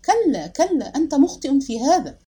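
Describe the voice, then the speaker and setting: A woman voicing a gentle, hesitant young wife who speaks softly and quietly. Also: fairly high pitch, expressive, fast talker, slightly rough. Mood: insistent. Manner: soft, hushed delivery.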